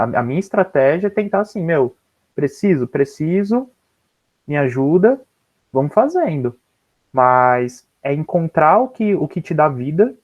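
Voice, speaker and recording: Rambling Brazilian man on a video call. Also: sits high. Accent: Brazilian Portuguese. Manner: rambling, informal, with slangy fillers and restarts. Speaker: guest speaker. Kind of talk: casual discussion. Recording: dull lo-fi video call audio.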